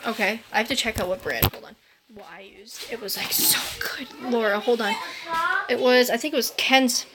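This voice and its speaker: A woman's voice: a little high, moderate pace, very noisy. Rambling, chatty young woman streaming live. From New England. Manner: rambling, chatty, with many fillers and swearing outbursts. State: tired. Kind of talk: casual live-stream chat.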